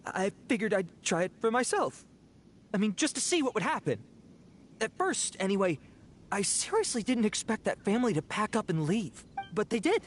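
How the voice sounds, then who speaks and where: A man's voice: high voice, a little hiss or hum. A man voicing a cowardly small-time bandit in a video game, by turns blustering and sheepish. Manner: hesitant, stammering, self-justifying.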